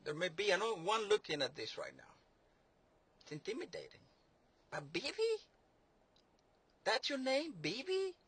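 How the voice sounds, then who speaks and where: Male commentator, sarcastic and rambling, with a bright, tense tone that sits high. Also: wildly swooping pitch, moderate pace, long pauses, slightly rough. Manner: rambling, mocking, many fillers and restarts. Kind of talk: sarcastic political monologue.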